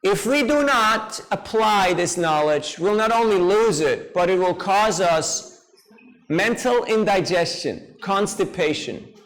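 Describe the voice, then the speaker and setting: A man giving a devotional talk to a seminar audience, lively and playful, often putting questions to the listeners. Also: sits high, takes it slowly, poor audio. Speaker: speaker at a seminar.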